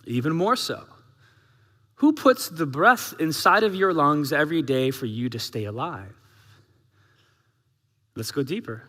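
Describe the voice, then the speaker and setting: A male pastor with a high, bright voice preaches in a big church hall, and long reverb trails each phrase. He talks in a lively, conversational way, firing rhetorical questions at the congregation. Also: measured pace, pauses often. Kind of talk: sermon.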